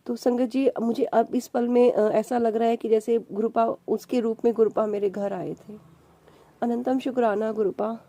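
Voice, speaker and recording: A woman's voice: a little high, fairly even intonation, moderate pace, warm tone. A woman sharing a devotional testimony in a prayerful, emotional way, slipping English words into her talk. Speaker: satsang sharer, channel host.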